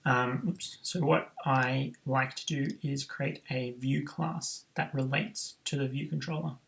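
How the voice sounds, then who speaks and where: A man's voice: mid-range voice, steady tone, unhurried, vocal fry, fairly bright tone, a little hiss or hum, low-quality recording. A man teaching a coding tutorial, thinking aloud with frequent ums and self-corrections. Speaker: programming tutor. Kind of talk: screen-recorded coding tutorial.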